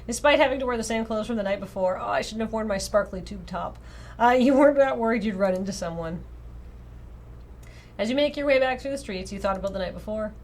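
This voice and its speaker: On a livestream, a woman with a mid-range voice reads through a visual novel quickly. She sounds casual and expressive, frequently stopping for playful side comments.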